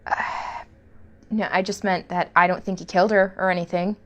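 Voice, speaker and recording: A woman's voice: fairly low pitch, flat delivery, fairly quick, fairly bright tone, close to an everyday voice. A woman playing a cautious witness giving testimony in a mock documentary interview. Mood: guarded.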